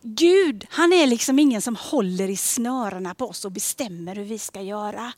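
A woman giving a sermon in a gentle, conversational way, often dropping to a soft near-whisper on key questions. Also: mid-range voice, lively intonation, no echo. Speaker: preacher.

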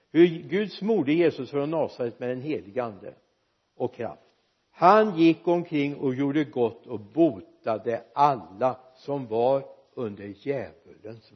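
Husky-voiced preacher man. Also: a little high, dull audio. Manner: lively preaching, jokes with the congregation. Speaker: pastor. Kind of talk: sermon. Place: church.

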